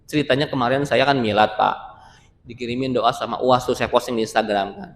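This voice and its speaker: A man preaching a sermon in a mosque, animated and joking, acting out the voices of others as he speaks. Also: mid-range voice, fairly quick, a little hiss or hum. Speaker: Islamic preacher. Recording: long reverb of a mosque hall.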